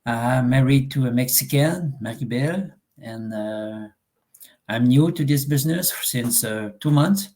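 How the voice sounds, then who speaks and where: A Québécois man whose first language is French interviews a guest in a live online chat, speaking with a French-Canadian accent. He has a medium-pitched, darkish voice. He sounds hesitant, pausing often and filling the gaps with fillers and restarts.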